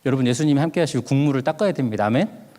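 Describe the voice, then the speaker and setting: Talking very fast with an expressive, mellow voice of medium pitch, a middle-aged pastor recounts a personal story during his sermon and reenacts what he said back then. The church sanctuary gives the recording a long hall reverb.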